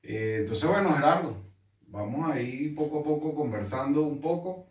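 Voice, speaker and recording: A man's voice: a little high, lively intonation, normal speed, soft background music. Man hosting an interview in an echoey room. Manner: friendly, hesitant with many fillers. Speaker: interview host. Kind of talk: casual interview. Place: room in Santiago, Chile. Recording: echoey room, mic at a distance.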